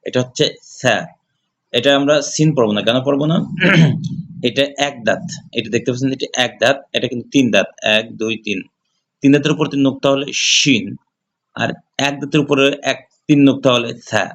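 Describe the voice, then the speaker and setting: A man teaching Quran reading in a patient lesson, repeating letter sounds slowly and pausing with hesitant fillers. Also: medium pitch, a bit bright. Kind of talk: step-by-step recitation lesson.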